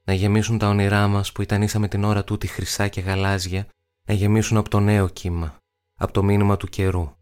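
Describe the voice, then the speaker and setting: A man doing a hushed, stubborn young girl. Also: lowish voice, flat delivery, clean tone, close to an everyday voice. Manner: hushed, urgent.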